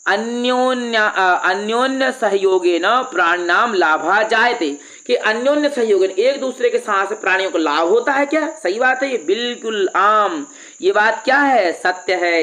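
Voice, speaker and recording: Man, Sanskrit tutor, high voice, slow recitation then patient explanation, crickets chirping behind. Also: lively intonation, a bit bright. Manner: explains patiently, asks and answers own questions; reads Sanskrit lines slowly, then glosses in Hindi. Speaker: Sanskrit teacher. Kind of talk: exam-prep lesson for students.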